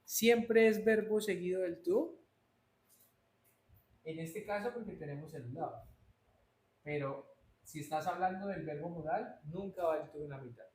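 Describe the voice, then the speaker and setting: Hombre profesor de inglés, voz algo aguda. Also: male voice, sits high, measured pace, long pauses, darkish tone. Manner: answers students by name, mixes Spanish and English. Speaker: English teacher. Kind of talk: live online class. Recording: roomy echo, faint noise.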